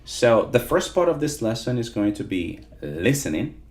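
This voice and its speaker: A man's voice: mid-range voice, very animated, moderate pace, darkish tone. A man teaching a live interactive online lesson, repeating points and often checking in with his listeners. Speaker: teacher of call-centre English.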